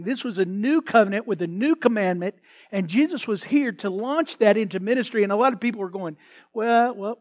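Male pastor, high-pitched, conversational sermon delivery with restarts and acted-out quotes.

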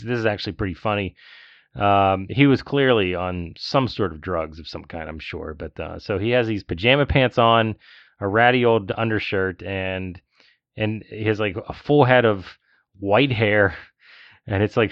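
A man's voice: on the low side, no echo. A man co-hosting a podcast, telling a story in casual chat and ranting as he goes. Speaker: podcast co-host. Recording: dull lo-fi sound, dry.

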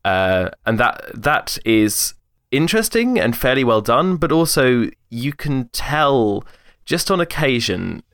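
A man's voice: medium pitch, big pitch swings, takes it slowly, a bit bright, dry recording, studio quality. A young man hosting a casual chat, explaining his points with frequent restarts and eager detail. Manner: hesitant, many restarts, enthusiastic about detail. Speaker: podcast host discussing accents.

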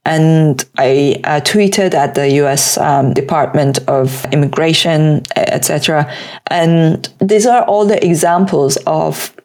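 A woman's voice: low-pitched, slow pace, darkish tone. A woman, a Persian speaker, talking earnestly and at length as a podcast guest. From Iran. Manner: earnest, emphatic, talks in long runs. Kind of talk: conversational interview.

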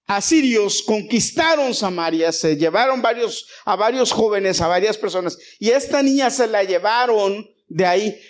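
A man preaching a sermon as pastor, animated, asking his congregation questions and swinging between loud and soft. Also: high-pitched. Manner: animated preaching, rising and dropping in volume. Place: church.

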